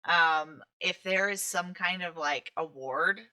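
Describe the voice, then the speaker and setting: Podcast co-host, woman, unhurried and hesitant, bright tone. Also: fairly low pitch. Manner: relaxed, hesitant, many ums and restarts. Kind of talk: casual book review chat.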